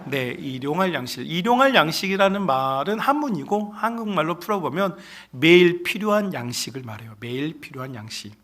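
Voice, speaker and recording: Emphatic male pastor, raised pitch. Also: big pitch swings, fairly quick, a bit bright. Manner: emphatic, often addresses the congregation directly. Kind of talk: sermon.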